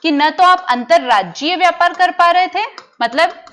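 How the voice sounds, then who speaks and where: A young woman with a high voice teaches an exam-prep class. She keeps asking her listeners questions and answering them herself, repeating each key term slowly so it sticks. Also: fairly bright tone.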